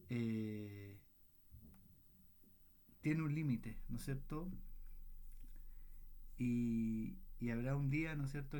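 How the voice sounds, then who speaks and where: A man's voice: mid-range voice, dark tone. A man leading a Bible study, asking the group questions and checking in with them often as he works through the passage. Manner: unhurried, thoughtful delivery with restarts.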